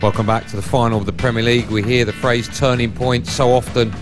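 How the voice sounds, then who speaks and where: A man's voice: medium pitch, flat delivery, fast, loud music behind the voice. A man presenting televised snooker, recapping the match and putting points to a pundit. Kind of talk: studio presenting.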